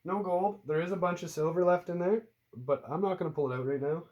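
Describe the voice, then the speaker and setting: The recording is muffled, and the man's voice sits high, a little mellow and fairly quick. Nursing a stuffy cold, this Canadian vlogger talks to camera from home about his outdoor hobby, wandering off on tangents, swearing now and then and running himself down.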